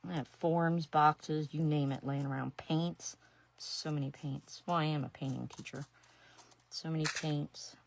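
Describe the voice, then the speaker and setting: This middle-aged woman from Ohio has an Ohio accent and a low-pitched, gravelly voice with a steady tone and measured pace. As a resin artist and painting teacher, she chats and rambles casually while crafting on a live stream, adding self-deprecating asides. There's slight background noise.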